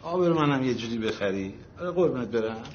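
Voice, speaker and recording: A man's voice: medium pitch, lively intonation, muffled recording, slight background noise, natural voice. An actor playing a harried middle-aged father who is effusively polite and pleading with his family. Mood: coaxing. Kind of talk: comedy film acting.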